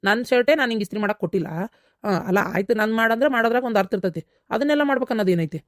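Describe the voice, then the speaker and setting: A woman with a North Karnataka accent voicing a calm mother who lectures patiently in a cartoon comedy. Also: fairly high pitch, no room sound, clean studio sound. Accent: North Karnataka Kannada. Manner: quick, lecturing, calming. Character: mother-in-law, calm, scolding her son kindly.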